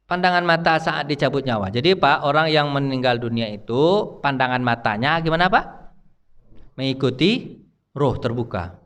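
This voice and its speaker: In an Islamic study class at a mosque, a preacher speaks at normal speed in an expressive, fairly bright mid-range voice. He keeps posing questions to his listeners, and the hall's long reverb trails after him.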